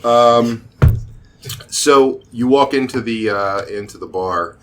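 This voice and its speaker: A man narrating a tabletop game as game master, halting and full of fillers. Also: medium pitch, music in the background.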